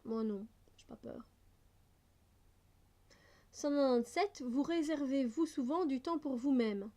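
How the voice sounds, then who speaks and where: A woman's voice: high-pitched, measured pace, mellow. A woman vlogger reading out personal questions and answering them in a casual, chatty way, often laughing and hesitating.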